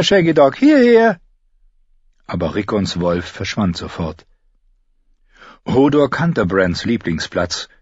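A man narrating an audiobook in a calm, steady reading. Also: low voice, slightly rough, no echo, dull audio. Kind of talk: scripted narration.

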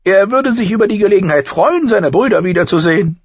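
A man voicing a small, sharp-tongued nobleman with a raised, pinched voice. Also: sits high, animated, fairly quick, slightly rough, no room sound, lo-fi sound, pitched above the performer's own voice, heavily acted. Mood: wheedling.

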